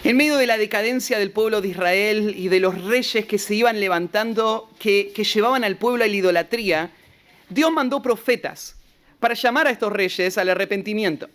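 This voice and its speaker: Argentine pastor retelling a Bible story. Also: male voice, high voice, normal speed, fairly bright tone, a little hiss or hum. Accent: Rioplatense Argentine Spanish. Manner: storytelling preacher, retells scripture with rhetorical asides; stammers and repeats short words. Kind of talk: expository Bible sermon.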